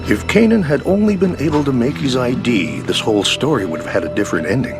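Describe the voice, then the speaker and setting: An actor playing a sardonic, theatrical man who tells dark events with relish in a wry, mock-ceremonious manner in a television drama. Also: medium pitch, lively intonation, fast, natural voice. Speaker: storyteller under questioning. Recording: music behind the voice.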